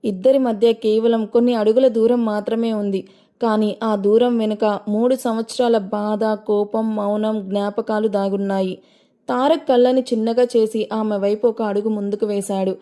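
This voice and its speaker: A woman narrating a dramatic audio story in a measured, storytelling manner. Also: medium pitch, fairly even intonation, warm tone.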